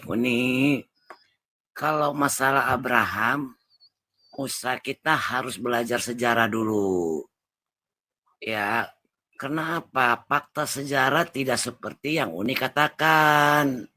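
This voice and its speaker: A middle-aged woman arguing firmly and forcefully in a heated debate, talking over the host. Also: extremely low pitch, slow pace, pauses often, no echo. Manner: firm, forceful, talks over others. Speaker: caller in debate. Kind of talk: heated online religious debate.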